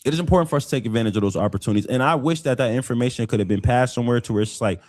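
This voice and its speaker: Male co-host, mid-pitched, talks fast and earnest, repeats lines for emphasis; dry close mic. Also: darkish tone, no echo. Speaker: co-host of a live community talk show. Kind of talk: casual commentary on local politics.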